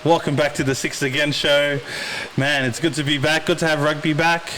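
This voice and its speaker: A man's voice: fairly high pitch, flat delivery, moderate pace, pushed and bright. Laddish bro-style male host, hissy audio. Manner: laddish frat-bro hype, slangy. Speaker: podcast host. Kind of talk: casual sports talk show. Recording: hissy, noisy home recording.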